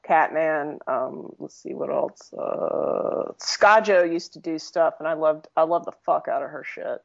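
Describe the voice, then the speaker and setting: A woman chats on a casual podcast, excitable and quick to laugh, with swearing sprinkled through her talk. Her voice sits on the low side. The recording is dull and lo-fi. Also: creaky. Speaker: podcast guest.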